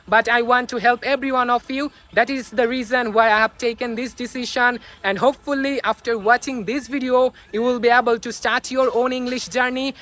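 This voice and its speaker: Young Bengali-native man, high and bright, earnest outdoor pep talk to camera. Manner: earnest, fast, with frequent fillers and restarts. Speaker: English teaching YouTuber. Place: outdoors among onlookers.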